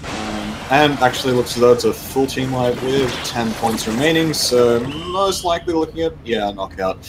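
Man, esports caster, rambling play-by-play, excitable, mid-pitched voice, music playing behind. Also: moderate pace. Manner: rambling, filler-heavy, excitable. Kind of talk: play-by-play commentary. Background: background music.

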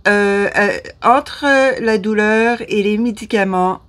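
Canadian french lady in her 50s, slow and halting, loses her words, small room. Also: medium pitch, steady tone. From Ottawa, Canada. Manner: hesitant, searching for words, restarting phrases. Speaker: vlogger. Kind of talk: casual talk to camera.

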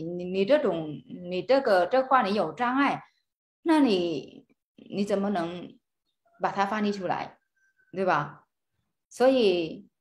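A woman's voice: medium pitch, darkish tone. Hesitant woman teaching a Buddhist lesson. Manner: hesitant, repeats words and restarts, frequent fillers, chuckles; asks listeners rhetorical questions. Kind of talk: casual spoken Dharma lesson.

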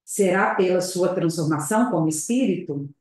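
Woman, lowish voice, spiritist lecture over a video call, slow and hesitant, heavy room echo. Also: lively intonation, darkish tone. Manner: slow, reflective, hesitant, with frequent tag questions. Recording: very echoey room.

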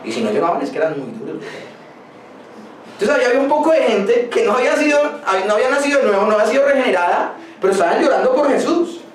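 High-voiced preaching man, echoey hall. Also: very animated, fast talker. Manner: emphatic preaching with rhetorical questions and personal anecdotes. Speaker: pastor. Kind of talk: sermon. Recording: echoey room, voice from a distance, faint noise.

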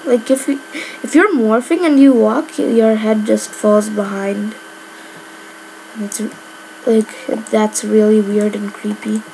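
A woman's voice: mid-range voice, fairly even intonation, slow pace, dark tone, slight background noise, rough recording. A woman giving casual gameplay commentary, rambling with lots of filler words. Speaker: gamer.

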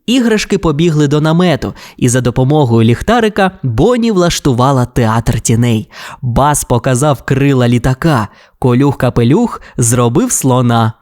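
A woman narrating a children's audiobook tale in an expressive, animated way. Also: very deep voice, moderate pace.

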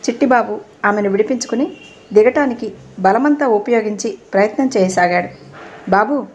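A woman narrating a novel aloud in a steady storytelling reading. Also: mid-range voice, brisk, dull audio, slight background noise. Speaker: audiobook narrator.

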